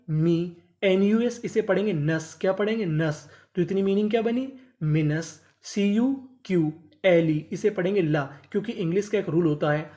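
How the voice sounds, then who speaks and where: Woman teacher for a spoken vocabulary lesson: breaks words into letter chunks and drills them with her own questions and slow repeats. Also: mid-range voice, darkish tone. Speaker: English teacher.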